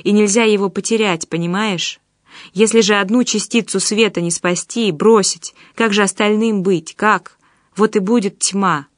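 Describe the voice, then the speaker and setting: A woman voicing Danila, a calm and compassionate man who speaks earnestly, in an audiobook. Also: medium pitch, moderate pace, dry recording, studio quality, natural voice. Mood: insistent. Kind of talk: audiobook character voice.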